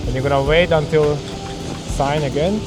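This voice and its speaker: A man's voice: fairly high pitch, steady tone, moderate pace, music in the background. A man giving casual step-by-step instructions outdoors as a ski instructor. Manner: simple step-by-step explaining.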